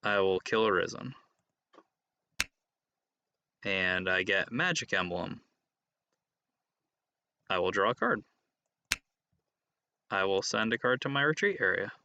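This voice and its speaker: A man streaming a card game, chatting casually, playful and teasing, sometimes breaking into excited laughter. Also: fairly low pitch, unhurried, long pauses, lo-fi sound, a little hiss or hum. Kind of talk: casual chat while playing a card game.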